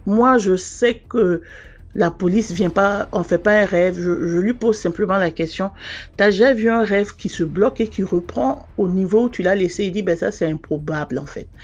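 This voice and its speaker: Woman, medium pitch, casual first-person storytelling, earnest, hesitant, frequent restarts. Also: moderate pace, darkish tone, muffled recording. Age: adult mother. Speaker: listener sharing a personal testimony.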